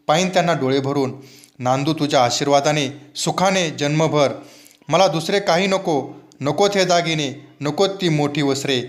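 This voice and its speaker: A devout young wife begging the gods to spare her husband, voiced by a male reader, her pleading delivered a little higher than his narration. It comes from a storybook read aloud. The delivery is simple and earnest. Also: lightly acted.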